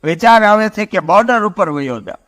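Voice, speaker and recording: A man spins one folk joke after another. He talks in a homely, storytelling way and slows down to stretch out each punchline. The recording was made in a studio. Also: sits high, lively intonation, fairly bright tone. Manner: folksy joke-telling, drawn-out punchlines. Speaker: stand-up comedian. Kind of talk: Gujarati folk comedy storytelling.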